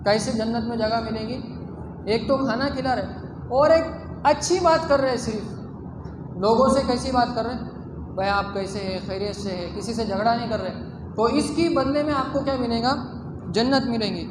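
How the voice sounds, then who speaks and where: A man with a very high voice preaches a sermon in a hall with long, roomy echo. He keeps asking questions of his listeners and answering them himself, and he weaves Arabic quotations into plain talk. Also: normal speed, long pauses. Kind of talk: Islamic sermon. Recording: echoey hall, faint background noise.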